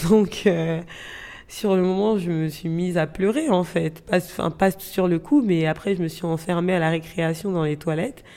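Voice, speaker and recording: A young woman in her twenties from Gabon recounts her own past in an interview. Her voice sits a little low for a woman. She speaks reflectively and hesitantly, often pausing on fillers and restarting her sentences. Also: steady tone, warm tone. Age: 20s. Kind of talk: reflective personal storytelling.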